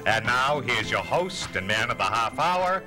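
A man's voice: mid-range voice, very animated, unhurried. A man reading a scripted show introduction in a formal, grandiose announcer style. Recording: loud music under the voice. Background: loud intro music.

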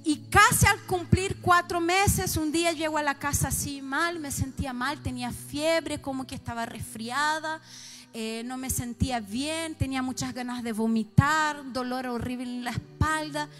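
A middle-aged woman pastor with a Chilean accent, giving an emotional sermon testimony that swings from soft confiding to loud outbursts. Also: sits high, normal speed, faint music behind.

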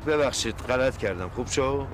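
An actor playing a flustered, bumbling young man who is quick to apologize or grumble. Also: medium pitch, expressive, background noise, lightly acted. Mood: sheepish. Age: young adult. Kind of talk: film dialogue.

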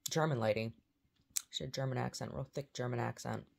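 A woman's voice: rumbling low, quick pace, creaky, darkish tone, slight background noise. A woman vlogging in a casual, rambling way, often trailing off and restarting her sentences.

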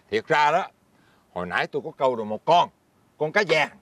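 In a fairy-tale drama, a man with a Southern Vietnamese accent acts as a poor, easygoing old fisherman who chuckles and hesitates while talking. The speaker is older, with a fairly high, slightly bright voice, delivered expressively and fairly quickly.

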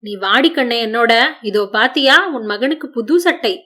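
A woman voicing a tender, devout old grandmother in an audiobook story, speaking softly and soothingly. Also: fairly high pitch, animated. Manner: soft, soothing, slow.

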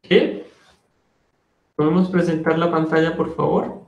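A man in his thirties teaching an online French lesson from an office on a video call, slow and deliberate, explaining step by step. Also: a little high, little pitch movement, vocal fry, darkish tone, echoey room, dull audio. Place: office with window blinds. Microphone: earphone headset mic on video call.

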